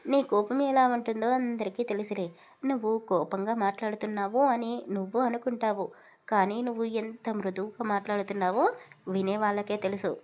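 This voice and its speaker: A woman reading the part of an affectionate husband in an audio story who teases his soft-hearted wife. the voice stays at an ordinary middle pitch with no deep put-on tone, read by the female narrator. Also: fairly even intonation, moderate pace, close to an everyday voice. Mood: teasing. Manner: teasing, affectionate. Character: fond husband, playful and teasing.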